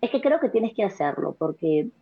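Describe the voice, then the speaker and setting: A young woman, a guest in a casual interview, talking fast and energetically with many restarts and repeated words. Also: medium pitch, very animated, warm tone. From Peru. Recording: husky voice over a tinny phone-like line.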